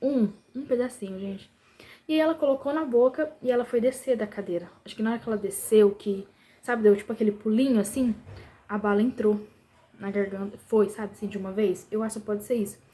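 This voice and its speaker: A woman's voice: medium pitch, fairly even intonation, brisk, mellow, breathy edge. Tearful mother recounting a scare. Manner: tearful, breathless, many repetitions and pleas to the viewers. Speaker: mother telling her family's story. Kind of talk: emotional personal testimony.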